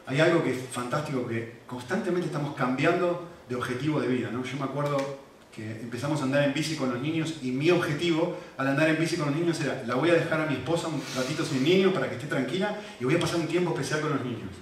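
A man preaching a sermon as pastor, with a Rioplatense Spanish accent, animated and preacherly. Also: a little high, fast, distant mic, slight background noise. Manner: animated, preacherly, voice rising and falling sharply. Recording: echoey hall, voice from afar.

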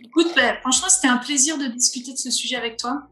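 A woman's voice: high voice, fast talker, bright, forceful tone, echoey room, faint music behind. A woman guest leading a ministry for singles, speaking earnestly and encouragingly.

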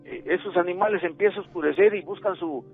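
A high-voiced, quick-talking middle-aged man with a Mexican accent calls in to a radio show. Over a tinny phone line with music, he tells a ghost story in a rambling, hesitant manner.

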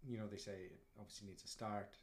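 A man's voice: fairly low pitch, fairly even intonation, fast. A man with an Irish accent, hosting a podcast and interviewing in a casual, conversational way. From Ireland. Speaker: podcast host.

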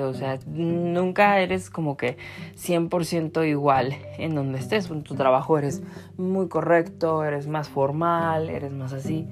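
A man with a Mexican accent hosting a podcast, chatting casually to his listeners and filling his talk with "o sea". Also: a little high. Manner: chatty, many "o sea" fillers. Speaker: podcast host.

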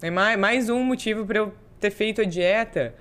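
A woman's voice: mid-range voice, moderate pace. A young adult woman with a Brazilian accent, a guest on a casual podcast, telling her story and repeating words for emphasis. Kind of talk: casual interview chat.

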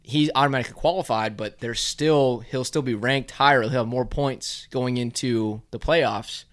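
Chatty and quick to laugh at himself, a man co-hosting a podcast talks casually about motocross. His voice is medium in pitch and his pace normal.

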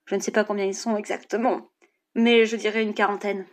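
A woman's voice: medium pitch, flat delivery, brisk, lightly acted. A woman voicing a bold rebel leader with a cool, sardonic and persuasive manner.

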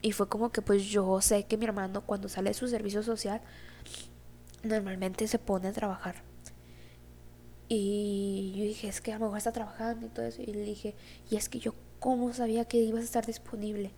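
Rambling young Mexican woman, dark voice. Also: medium pitch, little pitch movement, a little fast, slight background noise. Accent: Mexican Spanish. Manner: rambling, heavy filler "o sea, como que"; acts out quoted dialogue. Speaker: vlogger. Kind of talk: casual storytime.

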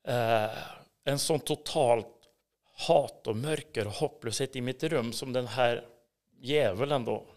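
Gravelly Swedish man giving earnest testimony. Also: medium pitch. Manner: earnest, swings between hushed whispers and emphatic bursts. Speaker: interview guest. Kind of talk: personal testimony in a casual interview.

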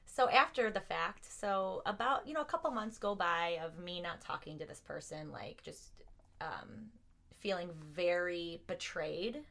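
A woman's voice: fairly low pitch, measured pace, creaky, a bit bright. A woman in casual podcast chat, telling a personal story with many fillers and frequent laughs.

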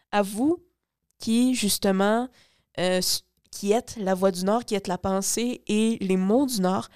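Woman radio host, mid-pitched, chatty and halting, lots of fillers, studio read. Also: a little mellow. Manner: rambling, restarts, many fillers. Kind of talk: casual radio talk.

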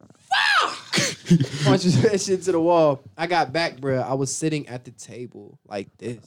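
Lively man with a swinging voice. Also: medium pitch, normal speed, a little hiss or hum. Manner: lively, swears freely, acts out voices in his stories. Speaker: podcast co-host. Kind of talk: casual chat.

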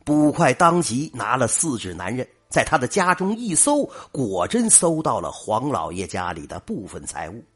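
An older man tells a folk tale with dramatic flair. His husky voice leaps widely in pitch from phrase to phrase. He speaks at a middle pitch. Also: normal speed, few pauses. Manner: dramatic, lively. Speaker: storyteller.

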